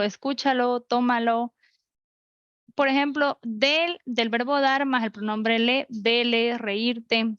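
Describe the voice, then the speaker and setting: A woman's voice: on the high side, dry recording, muffled recording. Woman teaching an online class. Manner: explains rules step by step with examples. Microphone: computer mic.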